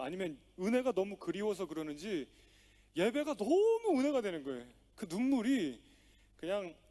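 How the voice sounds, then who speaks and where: Expressive high-voiced male pastor. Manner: storytelling with acted-out dialogue, emphatic and expressive. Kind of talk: sermon. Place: church sanctuary.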